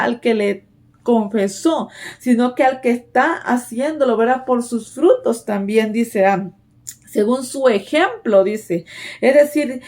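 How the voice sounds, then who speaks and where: A woman's voice: a little high, a little mellow. A woman preaching a sermon in an earnest, exhorting way, often asking her listeners "right?" and repeating her phrases. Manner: repeats "¿verdad?" and "déjenme decirle" as fillers.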